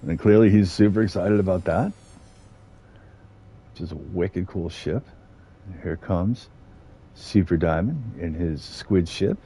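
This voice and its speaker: A man's voice: deep voice, a little slow, long pauses, dark tone, husky. A middle-aged man chatting casually as he streams a game, rambling with fillers and small chuckles. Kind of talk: casual gameplay commentary.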